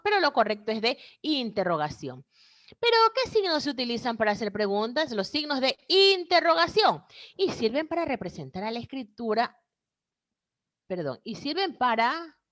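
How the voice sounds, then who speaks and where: High, lively woman teaching over a video call. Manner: explains step by step, asks rhetorical checks like "¿sí?".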